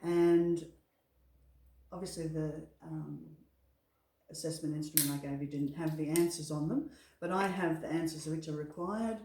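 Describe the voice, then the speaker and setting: With a dark, low-sitting voice, fairly even intonation, and a moderate pace, this woman, an assessor and trainer, delivers a reassuring, encouraging briefing. Slight background noise, an echoey room, and a distant mic are noticeable.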